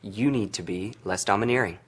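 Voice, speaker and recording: A man's voice: fairly low pitch, a little fast, slightly rough. An actor playing a defensive groom-to-be who bickers with his partner. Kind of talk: film acting.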